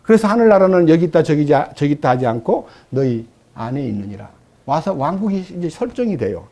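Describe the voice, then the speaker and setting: A male pastor preaching a sermon in an animated way, acting out the voices he quotes. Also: on the high side, a little fast.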